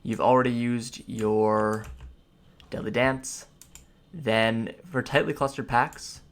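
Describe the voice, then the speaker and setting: A man's voice: mid-range voice, steady tone, slow. A man giving casual, explanatory gameplay commentary, rambling through ability names and tips as he plays. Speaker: gamer giving a character class guide. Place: indoors at a computer, voice over gameplay.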